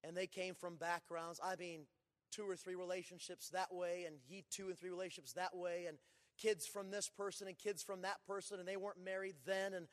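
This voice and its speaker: High-voiced man preaching in a reverberant hall. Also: level tone, a little fast. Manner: folksy storytelling preaching, swinging from loud to hushed. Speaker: pastor. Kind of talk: sermon. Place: church sanctuary. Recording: long church reverb.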